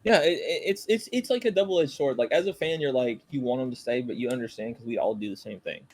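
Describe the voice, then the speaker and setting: A young southern man with a Southern US accent hosts a laid-back podcast, swearing freely and stressing his points hard. His voice is somewhat husky, set in a middle pitch, and he stumbles over repeated words when he gets fired up. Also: fast, darkish tone. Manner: profane, emphatic, stammering restarts. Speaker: podcast host. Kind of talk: casual chat.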